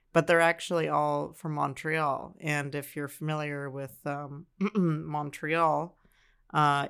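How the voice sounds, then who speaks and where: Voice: medium pitch, creaky, a bit bright, clean tone. A podcast co-host chatting casually and explaining commercials in a dry, matter-of-fact way. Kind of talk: casual chat.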